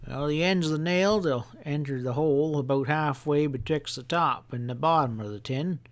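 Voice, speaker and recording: A man performs an older character for an audiobook, a mischievous, folksy country grandfather who earnestly and instructively emphasizes his explanations. He speaks a little high at a moderate pace, only lightly acted.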